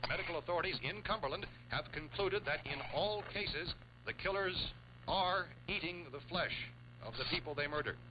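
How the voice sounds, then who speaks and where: A man's voice: on the high side, normal speed, long pauses, close to an everyday voice. A man playing a radio news announcer in an old horror film, reading bulletins in a grave, formal way. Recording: dull old film soundtrack with noise.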